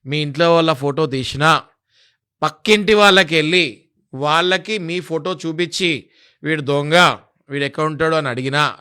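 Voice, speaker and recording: A man's voice: a little high, sharp tone. A man being interviewed, explaining legal rights in an emphatic, lecturing way and listing legal sections.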